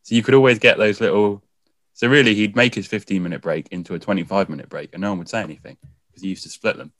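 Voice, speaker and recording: A man's voice: lowish voice, fairly even intonation, quick pace, a bit bright, no room sound. A young man from England in a casual chat, making dry, wry remarks. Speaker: podcast guest.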